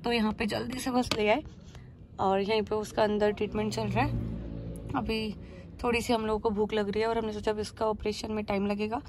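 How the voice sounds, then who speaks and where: A woman's voice: mid-range voice, level tone, brisk, over music. A young woman in her twenties, talking casually to her phone camera from inside a car, chatty and mixing in English words. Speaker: vlogger. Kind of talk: casual vlog narration. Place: inside a parked car by day. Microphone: phone held at arm's length.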